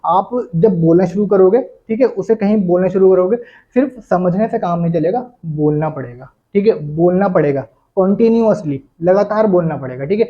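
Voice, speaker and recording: A man's voice: sits high, moderate pace. Young Indian man teaching English casually. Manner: repeats a filler after nearly every phrase. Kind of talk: casual spoken English lesson. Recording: dull lo-fi sound.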